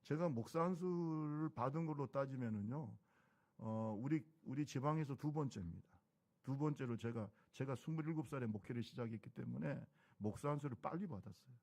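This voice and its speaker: Speaking fairly quickly in a mid-range, darkish voice, a middle-aged man delivers a sermon as his church's pastor. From the sanctuary, he keeps it conversational and fires off rhetorical questions at the congregation.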